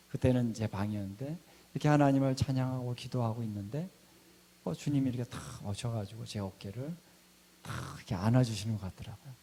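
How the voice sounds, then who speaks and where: A middle-aged man, a pastor, giving a sermon with a personal testimony, telling stories and acting out quoted prayers in a hushed voice. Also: mid-range voice.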